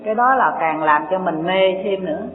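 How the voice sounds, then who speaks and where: A Buddhist dharma teacher gives an unhurried sermon, asking rhetorical questions and reading scripture aloud. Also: mid-range voice. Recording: echoey hall, tinny lo-fi line, faint music.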